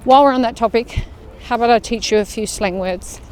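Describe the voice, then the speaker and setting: A woman's voice: on the high side, fairly quick, a little mellow, a little hiss or hum. An Australian woman leading a walking workout, chatting casually as she walks through an outdoor park. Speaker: fitness vlogger leading a walk. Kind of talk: casual walk-along chat.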